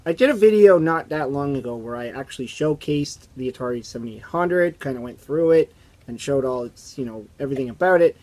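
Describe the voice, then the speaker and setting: A man with a hoarse, raspy voice hosts a casual gaming video. His voice sounds strained and sits at a middling pitch. He rambles along conversationally, as if telling stories to friends. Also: expressive, brisk, mellow. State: hoarse from strained vocal cords. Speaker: host of a retro video game channel. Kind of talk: casual chat to camera. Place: indoors, small basement game room.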